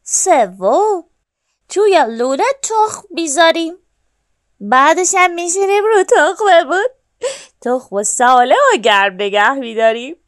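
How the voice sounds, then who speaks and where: A woman voicing a cheerful, bossy duck in a children's storybook, talking loudly in a sing-song, instructing way. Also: high-pitched, animated, no room sound, studio quality, pitched above the performer's own voice.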